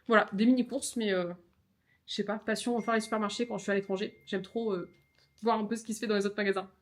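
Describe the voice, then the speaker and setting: This young Frenchwoman speaks fast at a medium pitch with fairly even intonation. Filming her travel vlog on a handheld camera, she chats in a bubbly way with lots of "euh" and gushing "trop bon," both outside and in a hotel room beside a lake.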